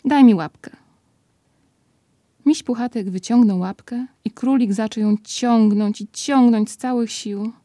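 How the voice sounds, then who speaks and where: A woman's voice: fairly high pitch, moderate pace, hardly any pauses, no echo, studio quality. Woman reading a storybook aloud. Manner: lively, expressive reading. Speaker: narrator.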